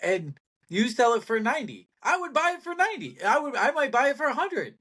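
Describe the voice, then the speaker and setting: A middle-aged man co-hosting a casual business chat, animated and rambling, laughing often and talking bluntly with some swearing. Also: extremely high pitch, fairly quick, slightly rough. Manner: blunt, salty language. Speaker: podcast co-host.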